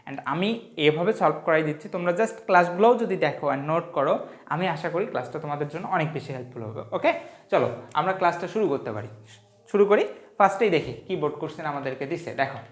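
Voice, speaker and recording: A woman's voice: low voice, animated, fast. A woman teaching an exam-prep grammar lesson. She explains it step by step and keeps asking the class questions. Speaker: English teacher. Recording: echoey room.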